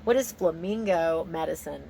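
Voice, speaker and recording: A woman's voice: low voice, normal speed, gravelly, dark tone, a little hiss or hum, poor audio. A woman giving a casual, improvised tarot reading in an informal, exclamatory, slangy way. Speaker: tarot reader.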